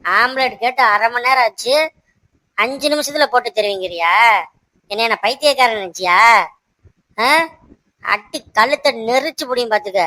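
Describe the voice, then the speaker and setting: Woman playing a harsh cartoon husband, pitched fairly high with a sharp, bright edge. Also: normal speed, pauses often, dry recording, low-quality recording. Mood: angry, bossy. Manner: shouting, rough, threatening. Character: angry bossy husband, threatening his wife. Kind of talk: cartoon voice acting.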